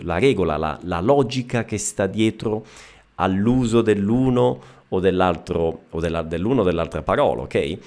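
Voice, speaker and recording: A man's voice: lowish voice, a little mellow. A man from Italy teaching a grammar lesson on video, explaining patiently and checking in with frequent "ok?". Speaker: Italian teacher.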